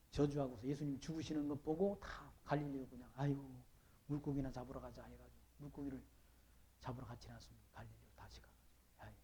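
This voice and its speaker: A man delivering a sermon in a somewhat high yet mellow, dark-toned voice. He reads scripture in slow, emphatic phrases and keeps asking his listeners questions. His delivery swings between booming declaration and hushed, almost murmured asides. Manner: reads scripture aloud slowly and forcefully. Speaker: pastor.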